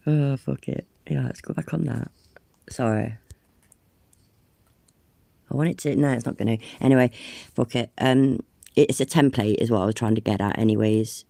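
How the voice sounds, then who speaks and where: Stuffed up with a cold, a woman chats through a casual phone livestream, swearing freely and self-deprecating. She speaks at normal speed in a rumbling low, mellow voice with vocal fry, pausing often, with no echo.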